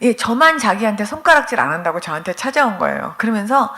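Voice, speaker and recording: A middle-aged woman pastor from Korea telling her testimony in a revival sermon, animated and emphatic, acting out the people she quotes, often near tears. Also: mid-range voice, fast.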